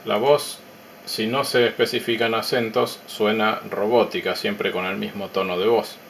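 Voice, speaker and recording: A man narrates a technical demo of his electronics project, calm and measured, explaining as he goes and pausing between ideas. His voice is a little low, with a faint hiss in the background.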